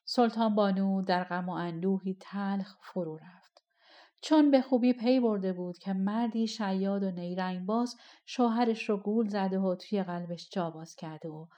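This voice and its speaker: A woman narrating a fairy-tale audiobook in an expressive, colloquial storytelling voice. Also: medium pitch.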